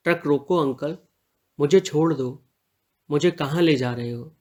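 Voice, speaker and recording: A man's voice: fairly high pitch, measured pace, dark tone, natural voice. A man reading the part of a lovestruck young male college student in an audio story, earnest and pleading. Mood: playful pleading.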